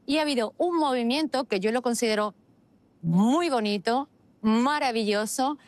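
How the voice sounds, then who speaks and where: Speaking at normal speed in a fairly high voice, a woman hosts political commentary full of opinion, pressing her case emphatically. She leans on rhetorical questions and repetition for stress, and there's no room sound.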